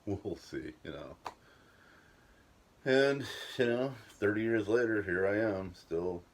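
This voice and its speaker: A middle-aged man with a very low, deep voice tells his story in a loose, wandering way. He swears without a second thought and laughs at himself as he goes. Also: animated, takes it slowly. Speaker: channel host telling his life story. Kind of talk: casual storytelling monologue.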